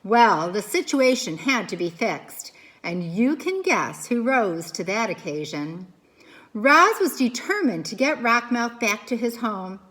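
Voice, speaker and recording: In a rough recording, a woman with a higher-pitched voice reads a children's book in teacher fashion, pausing dramatically, narrating expressively and asking the young listeners questions.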